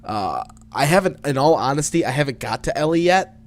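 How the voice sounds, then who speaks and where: A man's voice: a little high, lively intonation, brisk. A man co-hosting a gaming podcast, chatting casually and rambling through stories with laughs. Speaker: podcast co-host. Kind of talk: casual chat.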